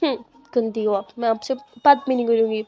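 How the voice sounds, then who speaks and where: A woman's voice: on the high side, steady tone, brisk, dark tone, lo-fi sound, lightly acted. A woman voicing a sulky, playful young female college student who whines and pleads. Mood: whiny upset. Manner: whiny, pleading.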